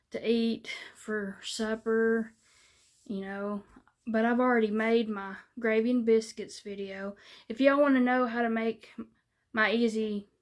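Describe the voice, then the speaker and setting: A woman chatting casually to her viewers in a folksy, rambling way, with lots of fillers. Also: mid-range voice. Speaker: vlogger. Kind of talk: casual chat to camera.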